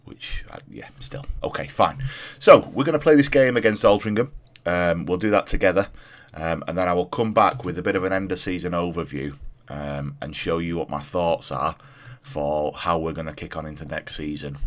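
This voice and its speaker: A man's voice: deep voice, moderate pace. A man in his thirties with a throaty, stuffed-up voice from a cold, chatting casually through gameplay as a video host and repeating phrases for emphasis. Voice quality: throaty, congested.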